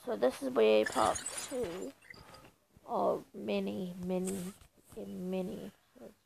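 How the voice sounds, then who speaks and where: A woman narrates her own gameplay in a relaxed, slow drawl with a fairly high voice. Her voice has a gravelly fry, and she mumbles between excited little reactions. A clear layer of noise sits under the recording. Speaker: gameplay video creator. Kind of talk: casual gameplay commentary.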